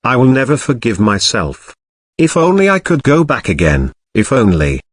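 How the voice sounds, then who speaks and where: A man reading a grieving woman detective, halting and tearful with guilt. Her lines move around in pitch, recorded dry and close. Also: big pitch swings, husky, dry recording. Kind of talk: audiobook character voice.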